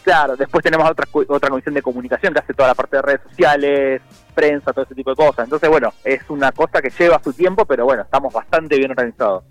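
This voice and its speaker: A man, a murga member chatting as a guest, relaxed and rambling with many fillers and restarts. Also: medium pitch, quick pace, no room sound, faint music behind, poor audio. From Argentina. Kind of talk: casual phone interview.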